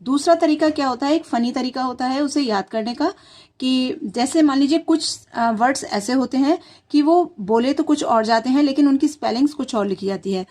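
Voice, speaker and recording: Patient woman spelling words slowly. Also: high-pitched, a little mellow. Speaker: channel host teaching parents. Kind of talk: explanatory home tutorial.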